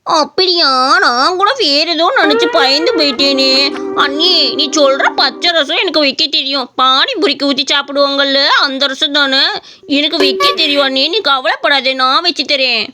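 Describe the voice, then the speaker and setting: A woman's voice: sits high, moderate pace, bright, forceful tone, soft background music. A woman voicing a whiny young village boy, pleading and whining. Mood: relieved.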